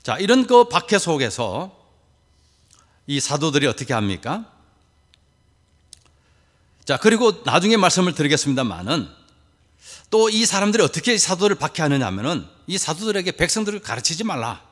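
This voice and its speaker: A man's voice: a little high, sing-song, moderate pace, long pauses, fairly bright tone, in a large hall. A man preaching a sermon to a congregation, asking rhetorical questions and adding folksy, humorous asides. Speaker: pastor.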